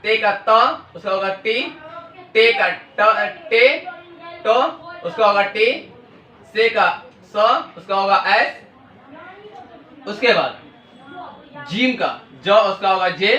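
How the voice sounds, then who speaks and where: High, bright-voiced man drilling an alphabet lesson. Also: slow pace, pauses often. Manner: call-and-response drilling, asks and answers his own questions. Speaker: language teacher. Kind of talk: classroom-style alphabet lesson. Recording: echoey room, distant mic.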